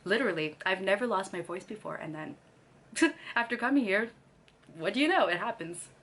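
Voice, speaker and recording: Brisk and animated, this young Canadian woman speaks in a mid-range, fairly bright voice as she vlogs casually to camera. She keeps laughing between sentences, her throat still slightly scratchy after losing her voice.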